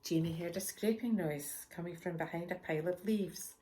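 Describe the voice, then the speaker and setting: A woman's voice: fairly low pitch, normal speed. Woman reading a children's story aloud. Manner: expressive, with asides to young listeners. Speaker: author reading her own book.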